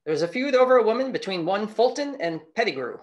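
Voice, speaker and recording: A man reading aloud in a put-on Mid-Atlantic radio voice from the 1920s, lofty and measured. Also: sits high, expressive, fairly bright tone, dull audio, pitched above the performer's own voice. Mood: grand.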